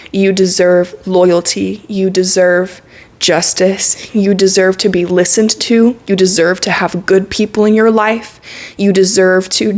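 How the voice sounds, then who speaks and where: A woman in her twenties, a vlogger, talks to the camera in a mid-range, slightly mellow voice. Her monologue is casual and reflective, candid and earnest, full of slang and frequent laughter.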